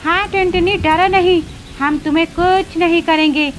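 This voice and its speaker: A woman's voice: very high-pitched, steady tone, normal speed, voice pushed up. A woman voicing a friendly magic tree who comforts a frightened bird. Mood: comforting.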